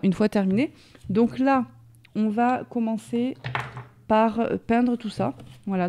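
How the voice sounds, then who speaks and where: Gravelly-voiced woman explaining a craft project. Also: mid-range voice, dark tone. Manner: chatty, explains step by step while working. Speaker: craft tutorial presenter. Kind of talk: casual hands-on craft tutorial.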